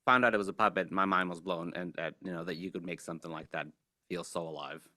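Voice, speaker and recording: A man in his forties from Mexico, a guest puppeteer in a casual interview, talking in a relaxed, hesitant way with many fillers and restarts. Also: deep voice, quick pace, a little hiss or hum.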